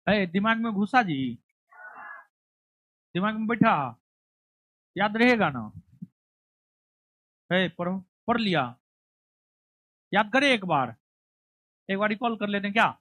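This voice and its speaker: A woman's voice: mid-range voice, takes it slowly, long pauses, fairly bright tone, dry recording. A woman teaching a geography class, coaxing and scolding her students as she drills them. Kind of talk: classroom lecture.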